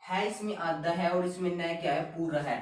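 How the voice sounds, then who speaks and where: A man teaching a grammar lesson, explaining step by step and repeating each word slowly. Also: a little high. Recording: very echoey room, voice a bit far from the mic.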